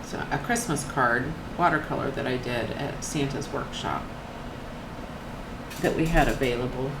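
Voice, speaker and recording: An older woman who hosts a painting channel chats softly while painting, reflecting on faith in a low, slightly croaky voice at normal speed. She thinks aloud with trailing restarts, in an echoey room with a steady air-conditioner hum.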